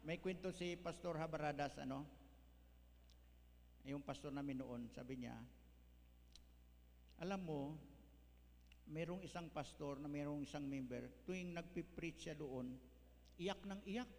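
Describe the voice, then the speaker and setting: A man's voice: fairly high pitch, a little slow, vocal fry, long pauses, a little mellow. A male pastor, preaching a folksy sermon that mixes in English words. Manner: folksy, mixes English, tags lines with "ano?". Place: church hall. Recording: echoey church hall, faint hum.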